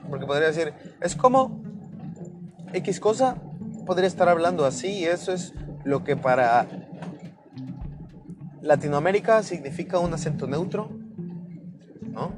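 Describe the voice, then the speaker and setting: A young Mexican man with a Mexican accent chatting casually as a podcast host, rambling and slangy, with lots of fillers. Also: fairly high pitch. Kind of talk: casual chat. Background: guitar music.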